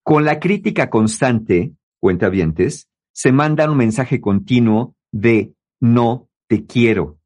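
A man's voice: mid-range voice, expressive, slow, hardly any pauses, a little mellow. A man giving relationship advice to listeners in a conversational talk, often mimicking the people he quotes.

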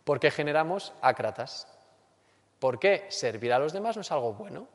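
A man with a Spain Spanish accent giving a lecture and acting out everyday complaints in a lively way. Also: on the high side, moderate pace. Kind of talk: lecture on character education. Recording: long hall reverb.

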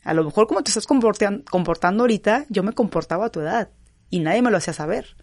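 A young adult woman from Mexico with a Mexican accent, a professional footballer answering interview questions in an expressive, animated way. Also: medium pitch, no echo. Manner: expressive, animated storytelling with quick asides.

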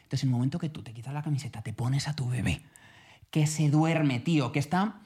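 A man from co-hosting a podcast in casual chat, telling stories with lively voiced asides. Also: mid-range voice, fairly quick, husky. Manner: animated storytelling, voices other people in quotes. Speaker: podcast co-host.

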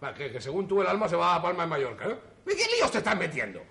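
An actor playing a skeptical, bewildered friend who jokes and wisecracks, with a Spain Spanish accent. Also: male voice, high-pitched, big pitch swings, racing, vocal fry, bright, forceful tone, heavily acted. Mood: mocking. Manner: joking, wisecracking. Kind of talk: 1960s TV stage play acting.

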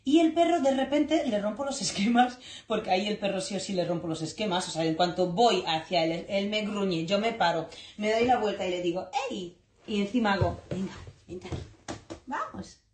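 A woman teaching a dog training class, animated and blunt, swearing freely and acting out scenes as she explains. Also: medium pitch, fairly quick, slight background noise. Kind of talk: lively spoken lesson.

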